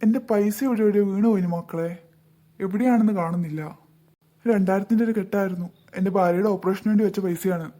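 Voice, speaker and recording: A performer voicing a sly adult male con man in a cartoon, who fakes pleading with children, with a mellow voice. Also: mid-range voice, steady tone, quick pace, close to an everyday voice. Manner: fake pleading, then gloating. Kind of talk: cartoon voice acting.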